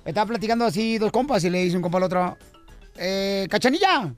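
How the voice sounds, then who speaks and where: A man's voice: high voice, expressive, fairly quick, soft background music. A man hosting a morning radio show, telling jokes and teasing his co-hosts. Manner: playful, teasing, tells jokes. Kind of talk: joking morning radio banter.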